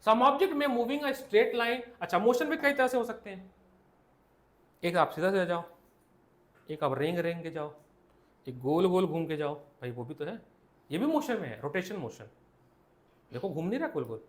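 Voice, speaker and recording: Lively high-pitched Indian male teacher. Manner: mixes Hindi and English, reads textbook lines slowly and explains with stories; addresses students by name, asks many rhetorical questions. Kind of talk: classroom science lecture.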